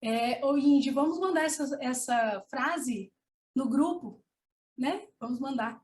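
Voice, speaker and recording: A woman with a Brazilian Portuguese accent giving an online lecture, explaining in an animated way with rising emphasis. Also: high-pitched, takes it slowly, a little hiss or hum.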